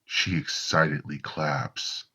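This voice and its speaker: A man narrating a horror story in a slow, deliberate storytelling manner. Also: extremely low pitch, fairly even intonation, sharp tone, slightly rough.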